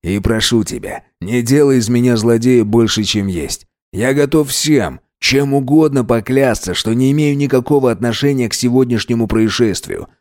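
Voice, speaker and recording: A man reading an audiobook voices a smug, cocky young man who is a wolf shapeshifter, drawling softly. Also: medium pitch, moderate pace, hardly any pauses, no room sound, studio quality, close to an everyday voice. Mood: earnest.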